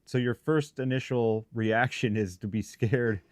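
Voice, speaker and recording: Streaming live from a shop, a man who investigates the paranormal talks casually with his viewers, musing aloud in broken, rambling bits. He speaks unhurriedly in a medium-pitched, steady voice, and the recording is dry and studio-clean.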